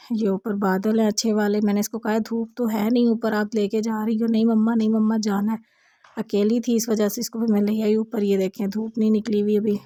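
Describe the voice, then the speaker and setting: A young mother talks straight to her viewers in a relaxed home vlog, her voice mellow and steady. She keeps an even, flat tone, and the sound is dry and close. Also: mid-range voice, husky, dry recording. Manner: chatty, addresses viewers directly. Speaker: vlogger, mother. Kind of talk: casual vlog narration.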